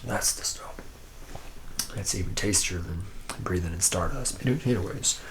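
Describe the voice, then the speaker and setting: In an ASMR roleplay, a man plays a jaded, boozy factory worker, rambling in a hesitant, sardonic drawl that often sinks toward a whisper. His voice is low, gravelly and partly whispered, with a laid-back, sly mood at a measured pace. The background is noisy.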